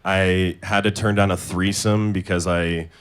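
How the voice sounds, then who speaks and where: A young man from Indonesia performing a stand-up comedy set, delivering absurd punchlines in a deadpan way on a club stage. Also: low voice, measured pace. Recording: live club set with clear audience noise.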